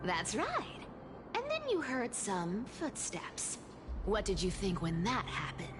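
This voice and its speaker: An actress voices a playful, mischievous female trickster in a game, sounding sly and teasing. She talks slowly, her pitch swooping wildly with sudden jumps, while music plays underneath.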